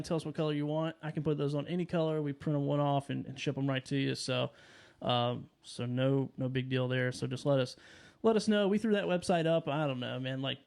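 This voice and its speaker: A man in his thirties hosts a podcast from a studio. His voice sits a little high, and he talks in a chatty, upbeat way with loose, rambling phrasing. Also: gravelly, darkish tone. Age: 30s. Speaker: podcast host. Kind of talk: casual podcast chat.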